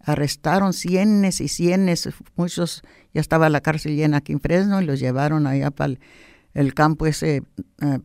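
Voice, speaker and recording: Gravelly man recalling events haltingly. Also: fairly high pitch, darkish tone, dry recording, studio quality. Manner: halting, with many fillers. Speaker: radio guest. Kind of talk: recounting past events.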